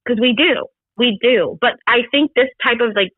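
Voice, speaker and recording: A woman's voice: on the high side, normal speed, no room sound. A woman from the United States, co-hosting a podcast and speaking in an earnest, emphatic way in casual discussion. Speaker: podcast co-host. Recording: thin phone-like line.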